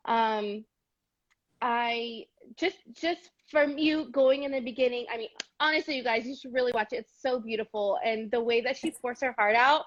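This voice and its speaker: A high-pitched woman hosts a casual live-stream conversation, gushing and effusive with many fillers. The sound is dull and lo-fi, like a video-call stream. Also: normal speed. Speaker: host.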